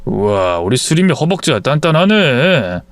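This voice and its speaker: A man's voice: mid-range voice, very animated, moderate pace, no room sound. A man doing a pushy, teasing young lover.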